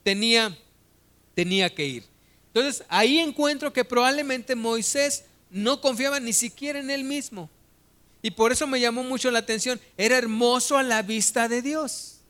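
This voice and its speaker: High-voiced preacher. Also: male voice, moderate pace, bright, forceful tone. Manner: conversational, humorous storytelling. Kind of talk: sermon.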